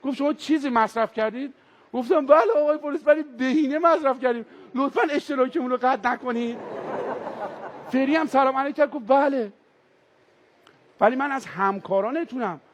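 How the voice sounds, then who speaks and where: Male stand-up comic, very high pitch, animated storyteller who acts out characters. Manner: animated, switches into character voices. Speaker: stand-up comedian. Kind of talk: stand-up storytelling with acted voices. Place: stage before a live audience.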